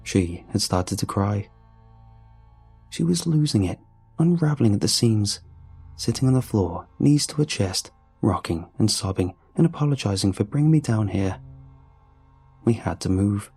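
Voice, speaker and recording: A man narrating a horror story in a low, gravelly, dark-toned voice. He reads slowly and deliberately, keeping his delivery hushed. Faint music plays behind him. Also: lively intonation.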